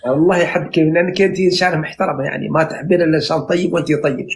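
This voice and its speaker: A man in his sixties from central Saudi Arabia with a Najdi accent, interpreting dreams in a rambling, flattering live chat full of fillers and restarts. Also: fairly high pitch, rapid-fire, slight background noise. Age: 60s. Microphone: phone on a live stream.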